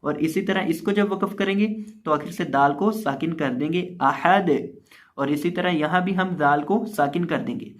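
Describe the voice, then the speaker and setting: A man with a slightly high voice teaches recitation. He speaks patiently and slowly, spelling out each letter before saying the whole word louder and stretched out. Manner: patient, slow, spells letters then recites words aloud with emphasis. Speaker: Quran reading teacher. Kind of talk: recorded lesson.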